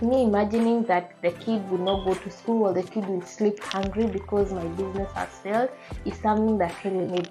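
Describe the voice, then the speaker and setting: A Kenyan-accented beauty and lifestyle vlogger in her twenties chats casually to camera in an earnest, emphatic way. Her voice is medium-pitched and mellow, and the recording is rough.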